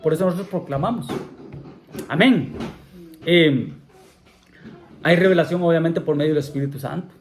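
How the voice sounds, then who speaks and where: A man's voice: fairly high pitch, normal speed, long pauses. A man preaching a sermon in a church, often repeating himself, asking the congregation questions and saying amén between points. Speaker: pastor.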